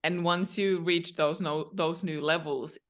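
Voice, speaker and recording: A woman dating coach giving advice as a guest in a conversational interview, measured and emphatic. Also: lowish voice, fairly even intonation.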